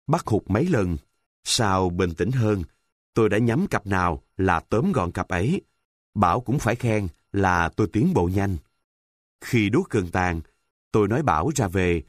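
A man narrating a story in a calm, measured, descriptive reading. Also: lowish voice, breathy edge, no echo, clean studio sound.

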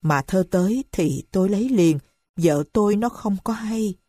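A woman's voice: medium pitch, lively intonation, normal speed, dark tone, dry recording, studio quality, close to an everyday voice. A woman voicing a rash young husband full of grief and remorse, pleading and tearful. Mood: remorseful.

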